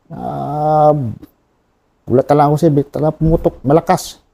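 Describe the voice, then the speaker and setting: A Filipino man in his thirties, a wounded soldier telling his war story in an interview, talking plainly and haltingly and often adding a polite "sir". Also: on the high side, fairly even intonation, vocal fry, mellow. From Philippines.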